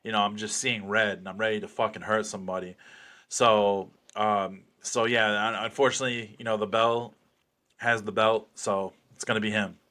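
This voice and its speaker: A man's voice: on the low side, flat delivery, moderate pace, sharp tone. A man being interviewed as a fighter, chatting casually with cocky, sweary bravado.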